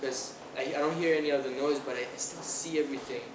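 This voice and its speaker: Speaking fast in a fairly high, steady voice, a young man from Iran fields questions in a relaxed outdoor interview, hesitating with frequent restarts and fillers. He's outdoors on an island with a city close by, and the noisy, roomy camera sound is recorded from afar.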